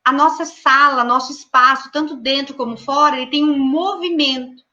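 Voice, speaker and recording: A woman educator speaking in an online panel, lively and acting out classroom talk. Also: sits high, normal speed, highs cut off. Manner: lively, acts out classroom dialogue. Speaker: guest speaker, early childhood educator.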